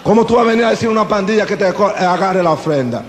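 Male evangelist, high voice, dramatic testimony preaching, long hall reverb. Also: animated, fast, slight background noise. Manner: dramatic storyteller who acts out scenes. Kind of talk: testimony sermon. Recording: echoey hall with faint ambience.

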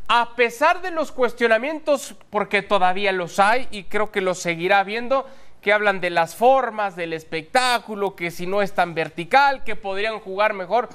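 High-voiced male football show host. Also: a bit bright, clear, resonant tone. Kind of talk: football talk show presenting.

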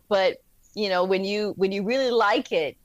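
A woman guest in a casual interview, telling lively stories, acting out quotes and laughing often. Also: medium pitch, unhurried, no echo, dull audio. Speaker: podcast guest.

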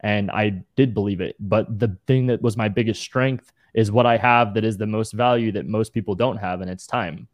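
Man, 20s, podcast guest; deep-ish, casual, slangy, dry close sound. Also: normal speed, few pauses, no echo. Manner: relaxed, slangy storytelling. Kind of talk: casual interview.

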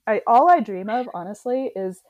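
A woman's voice: on the high side, animated, moderate pace, no room sound, narrow, tinny audio. A woman author, a guest on a podcast, chatting casually with wry, self-deprecating humor.

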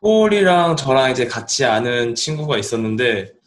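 A man's voice: mid-range voice, sing-song, moderate pace. A young adult man from South Korea, chatting casually as a guest in a podcast interview. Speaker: podcast guest, life coach and author.

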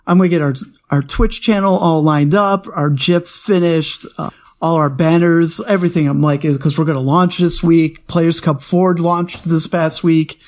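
A man's voice: on the high side, moderate pace. Chatty man telling a family story. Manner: animated storytelling, laughing often. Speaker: podcast co-host. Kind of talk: casual podcast chat.

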